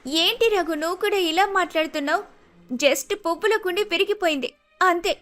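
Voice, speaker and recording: A woman's voice: very high-pitched, fairly quick, a bit bright, soft background music. A woman voicing a meek young newlywed daughter-in-law in a cartoon story, pleading and apologetic. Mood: hurt pleading.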